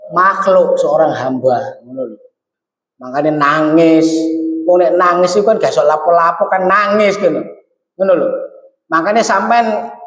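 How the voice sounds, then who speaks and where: Animated East Javanese preacher in an echoey hall. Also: male voice. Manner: animated, swings high when exhorting, mixes Javanese into Indonesian. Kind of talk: sermon. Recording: echoey hall, long reverb.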